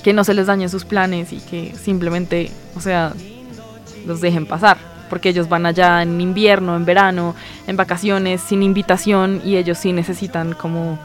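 Chatty woman explaining at length. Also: fairly low pitch. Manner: explanatory, rambling with fillers and hedges. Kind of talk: casual literary discussion.

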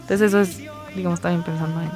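A woman's voice: on the low side, steady tone, fast talker, darkish tone, faint music behind. A woman co-hosting a casual talk show, explaining ideas at length with many fillers and hedges. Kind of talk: casual literary discussion.

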